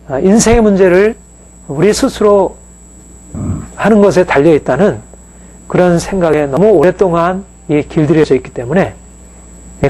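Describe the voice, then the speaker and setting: Higher-voiced male pastor preaching. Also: darkish tone, poor audio. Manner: conversational preaching with frequent fillers and rhetorical questions. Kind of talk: sermon.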